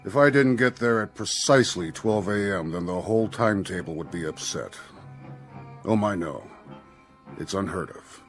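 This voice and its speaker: Radio drama role: Death, an implacable, courteous gentleman, formal and measured, low register. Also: lively intonation, faint music behind. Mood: fussy, puzzled.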